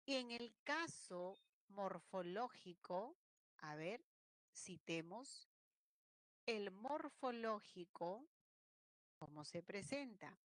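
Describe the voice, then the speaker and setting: A woman's voice: medium pitch, expressive, slow, pauses often, dry recording. A woman teaching an online language lesson, explaining points and acting out regional ways of speaking. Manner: explanatory, acts out regional speech examples.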